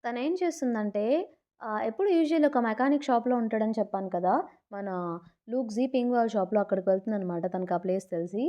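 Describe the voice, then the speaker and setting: Fast-talking Telugu woman retelling a drama. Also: fairly high pitch, mellow. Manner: chatty, mixes in English words. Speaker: drama recap narrator. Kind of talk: casual story retelling.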